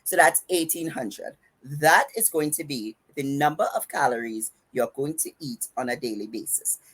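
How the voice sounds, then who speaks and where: At a moderate pace, a low-voiced woman with a slightly breathy edge coaches her podcast audience on fitness and diet. Her Trinidadian accent carries an emphatic, instructive delivery in which the words run into each other.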